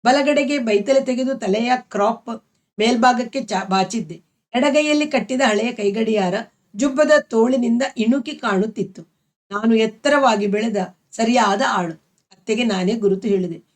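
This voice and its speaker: Woman storyteller, novel reading, measured and expressive, fairly high voice.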